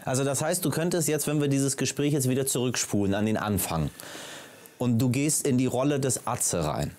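A man's voice: medium pitch, expressive, brisk, darkish tone. A man from Iran hosting a casual talk show conversation, asking questions and joking around. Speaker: host.

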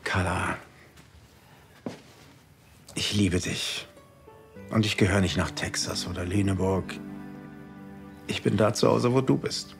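A gravelly, earnest man in love. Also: sits low, takes it slowly, pauses often, faint music behind, exaggerated voice. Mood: earnest, loving. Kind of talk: TV drama dialogue.

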